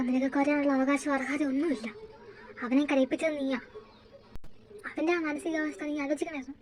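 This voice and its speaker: A woman's voice: high voice, darkish tone, a little hiss or hum, close to an everyday voice, rough recording. A woman voicing a torn, tearful young college girl in an amateur audio drama. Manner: emotional, pleading.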